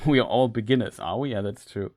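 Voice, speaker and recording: A man's voice: fairly low pitch, animated, fast talker, darkish tone. A man, an English speaker, chatting casually with viewers while live-streaming a game, rambling and restarting his sentences.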